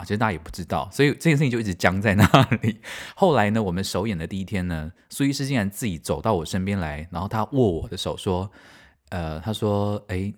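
A middle-aged man with a Taiwanese Mandarin accent, hosting a podcast and telling stories in an animated, self-mocking way with frequent laughter. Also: lowish voice. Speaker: podcast host and stage director. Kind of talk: casual storytelling, answering listener mail.

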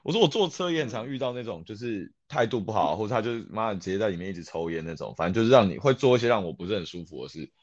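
A man's voice: lowish voice, lively intonation, racing, hardly any pauses. Teasing Taiwanese-accented man, lo-fi. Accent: Taiwanese Mandarin. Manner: teasing, laid-back. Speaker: podcast co-host. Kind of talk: casual chat. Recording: slightly dull lo-fi sound.

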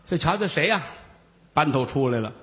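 A man telling a traditional Chinese story in a lively, animated way, swinging high and low. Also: brisk, in a large hall.

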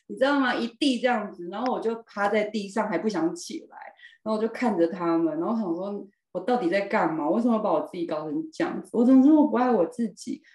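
A woman, a podcast guest telling her personal story in a lively, expressive way with emphatic repeats. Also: medium pitch. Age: 40s. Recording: roomy echo.

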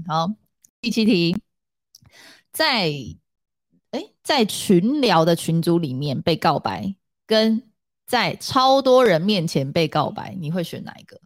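A woman's voice: lowish voice, sing-song, no echo, studio quality. A woman with a Taiwanese Mandarin accent, co-hosting a casual chat podcast, reading out the questions and then chatting easily. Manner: reads the prompts slowly, then chats and laughs easily.

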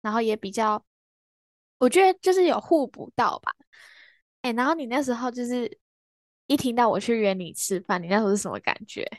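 Young woman, rapid teasing chatter, fairly high voice, dry close mic. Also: animated, no room sound. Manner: playful, teasing, quick storytelling. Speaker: podcast host. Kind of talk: casual chat.

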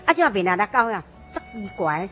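Fast-talking woman telling her life story. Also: medium pitch, faint music behind. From Taiwan. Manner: animated storyteller, often quoting others with a raised voice and laughing. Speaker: interview guest sharing her conversion story. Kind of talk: lively personal testimony in casual conversation.

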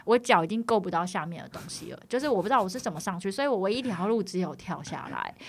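Young woman, Taiwanese Mandarin accent, podcast co-host, chatty, expressive rising and falling voice. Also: mid-range voice, rapid-fire, slightly rough. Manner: chatty, tells childhood stories at length. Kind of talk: casual chat.

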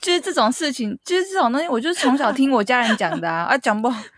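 A woman's voice: high voice, big pitch swings, racing, no echo. A woman in her thirties from Keelung, Taiwan, speaking Taiwanese Mandarin and co-hosting a casual podcast chat, frank and blunt. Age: 30s. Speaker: podcast co-host. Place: home, recorded remotely.

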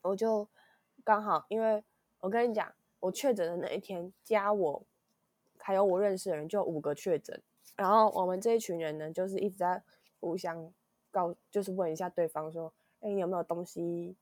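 A woman's voice: fairly low pitch, steady tone, moderate pace, darkish tone, no room sound, clean studio sound. A young woman with a Taiwanese Mandarin accent, a podcast host, tells a rambling story in a weak voice from illness, full of restarts. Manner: rambling, with many restarts, acting out quotes. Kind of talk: casual chat storytelling.

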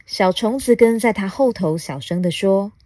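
Gentle mother reading a storybook. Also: mid-range voice, normal speed, dry recording. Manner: gentle, coaxing questions to a child. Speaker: mother reading a picture book to her child. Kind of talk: storybook read-aloud podcast.

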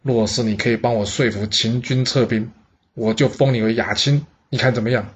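An anxious lord apologizes and makes an eager offer, as a man voices him. The voice is husky. The audio is dull and lo-fi. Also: medium pitch, steady tone, fairly quick, close to an everyday voice. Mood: apologetic.

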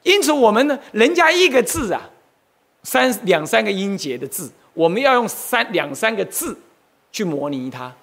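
Lively, high-voiced monk lecturing. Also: male voice, normal speed, creaky. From Taiwan. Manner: animated, asks the audience questions, exclaims often. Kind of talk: Buddhist history lecture.

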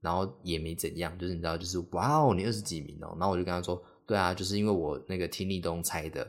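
Young guy, really deep voice, rambly podcast chat w lots of fillers. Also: flat delivery, rapid-fire. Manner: rambling, heavy on fillers, acts out quoted speech. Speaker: podcast host. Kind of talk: casual solo podcast storytelling.

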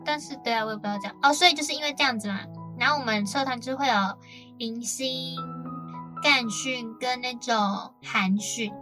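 A woman's voice: high voice, fairly quick, over music. A young woman from Taiwan co-hosting a casual radio chat, telling stories in a chatty way with many fillers. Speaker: co-host.

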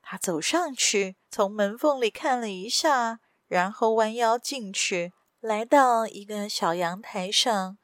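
A woman reading a story aloud as a podcast storyteller, steady and measured, close to the mic. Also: fairly high pitch, dry recording. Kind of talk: scripted story narration.

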